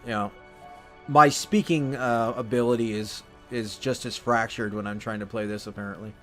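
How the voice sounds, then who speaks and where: A man casually commenting while he plays a video game, thinking out loud and often correcting himself. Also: medium pitch, fairly even intonation, moderate pace, soft background music. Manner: rambling, self-correcting, thinking aloud. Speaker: let's play host.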